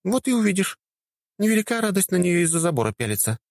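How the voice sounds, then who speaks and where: A man voicing a cheerful young woman student in an audiobook, lifting his voice high and lively. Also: fast, no room sound, studio quality.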